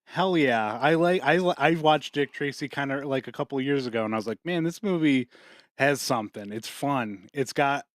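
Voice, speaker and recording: A man co-hosting a podcast in casual chat, rambling and swearing often, with quick laughs between points. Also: mid-range voice, no room sound, clean studio sound. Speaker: podcast co-host.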